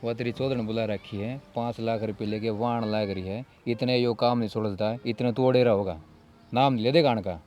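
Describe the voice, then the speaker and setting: A man's voice: medium pitch, steady tone, moderate pace, darkish tone, highs cut off, close to an everyday voice. A young man playing a fed-up grown son who scolds and pleads in a Haryanvi accent, in a comedy drama. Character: exasperated grown son scolding his drunkard father.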